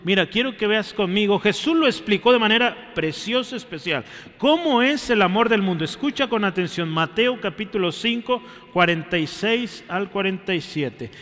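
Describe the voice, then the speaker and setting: A man preaching a sermon to a congregation, calling them brothers and checking in with quick questions. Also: high voice, expressive, a bit bright, in a large hall. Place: church.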